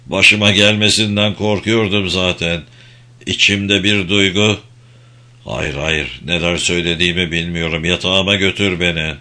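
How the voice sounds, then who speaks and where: A man's voice: deep voice, pushed and bright. A man reading the part of a stricken, frightened sea captain in an audiobook, weak and fearful.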